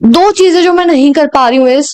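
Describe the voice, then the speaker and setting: A young woman from India tells a personal story to camera in a lively, dramatic way and keeps laughing at her own jokes. Her voice sits high. She drifts between casual Hindi phrasing and bits of English. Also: fairly quick. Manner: laughs at herself often. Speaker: storyteller vlogger.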